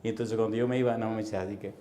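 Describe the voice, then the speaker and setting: A man preaching a sermon as a pastor, telling stories animatedly and acting out voices and sounds, with forceful emphasis. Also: on the low side, fairly even intonation, very fast, reverberant, a crowd in the background. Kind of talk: storytelling sermon.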